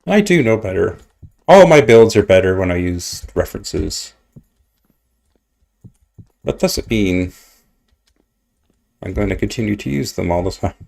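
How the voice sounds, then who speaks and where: Guy with a gravelly voice muttering along while he builds in a game, kinda rambly, makes fun of himself. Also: lowish voice, lively intonation, a little slow, pauses often, a little mellow. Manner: rambling, self-mocking, mutters asides to himself. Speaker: streamer. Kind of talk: casual gameplay commentary. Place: at home at his computer.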